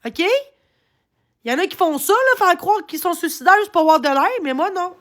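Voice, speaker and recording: High-voiced Québécois woman ranting on a live stream. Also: animated, fairly quick, fairly bright tone. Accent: Québécois French. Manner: agitated, swearing often, rambling complaints. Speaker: livestreamer. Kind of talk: casual live-stream rant.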